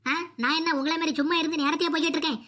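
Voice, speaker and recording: A woman's voice: sits high, fairly even intonation, racing, fairly bright tone. A woman voicing a defiant, cheeky young daughter-in-law in a cartoon comedy. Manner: sassy, talks back.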